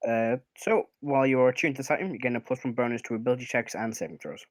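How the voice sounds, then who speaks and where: Guy game mastering a tabletop game, medium pitch, kinda hesitant and sweary, really dry close sound. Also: rapid-fire, dry recording. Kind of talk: casual tabletop game narration.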